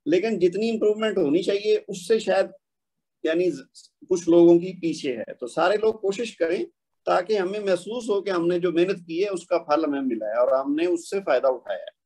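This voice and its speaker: A man teaching an online Quran recitation class, patiently explaining pronunciation and slowly demonstrating stretched syllables over a video call. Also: high voice, warm tone. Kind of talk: online tajweed class instruction.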